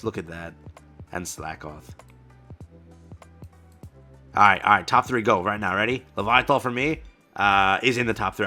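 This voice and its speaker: A man hosting a card-game channel, giving an excited, casual reaction commentary full of exclamations and slang like bro and dude. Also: on the low side. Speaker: card game content creator.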